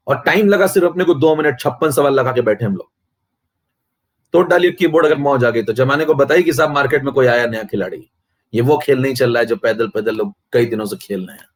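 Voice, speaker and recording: A man teaching chemistry in a live-streamed online lecture, boastful and forever checking whether his students follow. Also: fairly high pitch. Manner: boastful, keeps asking students if they follow.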